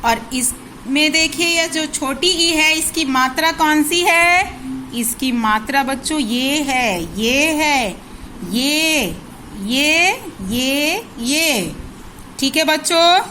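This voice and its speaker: A woman's voice: sits high, slow pace, sharp tone, a little hiss or hum, poor audio. A woman teaching a class of young children, spelling out words syllable by syllable and asking questions that she then answers herself. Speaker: primary school teacher. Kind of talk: slow, drilled recitation lesson for young children.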